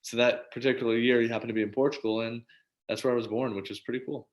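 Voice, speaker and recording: Talking fast in a flat, mid-range voice, a twenty-something pro basketball player and coach appears as an interview guest. The conversation is a casual chat, and he comes across as informal and easygoing in agreement.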